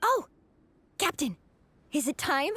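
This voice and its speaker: A woman voicing a supportive young woman in a fan club, calm and encouraging. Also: high-pitched, slow, exaggerated voice. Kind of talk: game dialogue.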